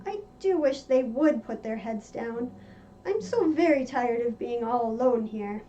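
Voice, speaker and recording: A woman's voice: fairly high pitch, animated, unhurried, warm tone, slight background noise. A woman voicing an anxious, bewildered little storybook girl in a dramatic, exclaiming manner. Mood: tearful. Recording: muffled lo-fi with music behind.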